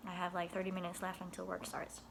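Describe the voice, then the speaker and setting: A woman's voice: lowish voice, completely flat delivery, fast, creaky, noisy background. A young woman telling a casual video diary about her day at after-school care, chatty and giggly, with many restarts and laughs.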